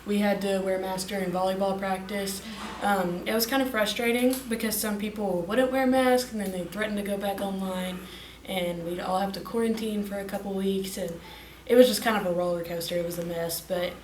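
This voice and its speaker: A woman's voice: mid-range voice, fairly even intonation, brisk, darkish tone, slight background noise. A teenage girl, a graduating student, chatting about school years and laughing between thoughts. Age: teens. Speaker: graduating student, class historian. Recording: echoey room, distant mic.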